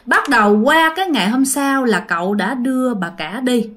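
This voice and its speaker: A woman's voice: fairly high pitch, expressive, normal speed, fairly bright tone. A young woman telling a ghost story in a casual, chatty way, often speaking straight to her listeners. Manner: chatty, addresses listeners directly.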